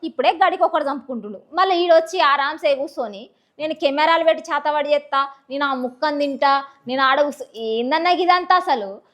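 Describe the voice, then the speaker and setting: A woman from a rural Telangana village, a social media personality, speaks with a Telangana Telugu accent as a guest in a candid interview. She is blunt, outspoken and impassioned, with a high-pitched, brisk and slightly bright voice.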